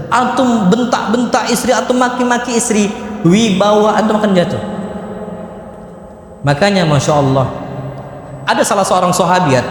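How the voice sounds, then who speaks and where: High-voiced preacher in an echoing mosque. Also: male voice. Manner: lively and joking, with sudden high-pitched jumps on punchlines. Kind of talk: mosque study-circle sermon. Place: large mosque hall. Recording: echoey mosque hall with long reverb and faint ambience.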